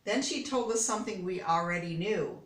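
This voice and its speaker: Here a Detroit-born older woman, American, speaks at medium pitch and a normal pace while expressively reading a picture book for children and adding friendly side remarks. A distant mic gives the audio an echoey, spacious feel.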